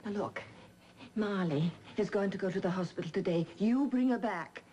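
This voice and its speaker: A woman's voice: medium pitch, moderate pace, dark tone, close to an everyday voice. An actress playing an anxious, cautious woman who frets and calls people darling, in 1980s TV soap acting. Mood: worried. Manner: fretful, calls others darling.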